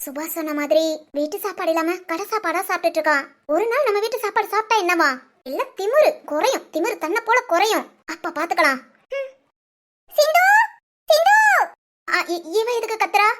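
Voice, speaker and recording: A woman voicing an excitable young wife in a cartoon family comedy, given to whiny, giggly complaints. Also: very high voice, brisk, slight background noise. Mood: fretting. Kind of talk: cartoon voice acting.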